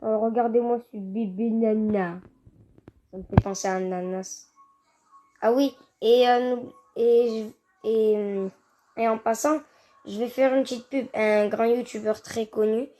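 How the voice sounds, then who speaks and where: A woman doing casual gameplay commentary, excitable and quick to gripe and exclaim at the game. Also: fairly high pitch. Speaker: gaming video creator. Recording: noisy home recording with clicks.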